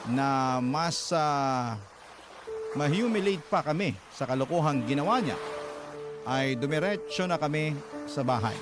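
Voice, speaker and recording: In this radio drama, a man whose voice is slightly high and close to everyday speech reads a letter in the first person as a heartbroken young mother recounting her betrayal by a married lover. He sounds earnest and confessional, with music behind him.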